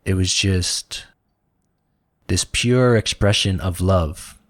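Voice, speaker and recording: A man's voice: deep voice, slow, fairly bright tone, dry recording, studio quality. A man co-hosting a spiritual talk show, telling a personal story in an earnest, reflective way, with many fillers. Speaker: podcast co-host.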